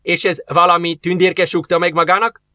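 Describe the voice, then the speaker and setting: A man reading an audiobook, voicing a gruff, burly male soldier who barks orders and grumbles sarcastically. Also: mid-range voice, a bit bright, no echo, clean studio sound, lightly acted. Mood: grumbling sarcastic. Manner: barking, sarcastic.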